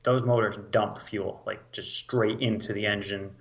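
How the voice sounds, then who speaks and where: A man with a deep, raspy voice co-hosts a relaxed car chat. He chimes in with dry, matter-of-fact comments. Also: a little slow. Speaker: podcast co-host.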